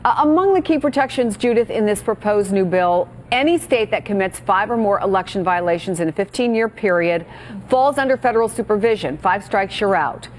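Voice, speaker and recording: A woman's voice: mid-range voice, lively intonation, a little hiss or hum. Woman anchoring a news broadcast. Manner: brisk, clear, reads from a script. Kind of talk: scripted news presenting.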